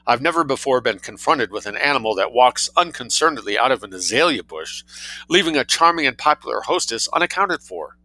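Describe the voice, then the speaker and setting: A man's voice: medium pitch, expressive, a little fast, sharp tone, no echo, voice pushed up, low-quality recording. A man voicing a pompous, unruffled English lord in a short story, speaking formally and pedantically. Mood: pedantic.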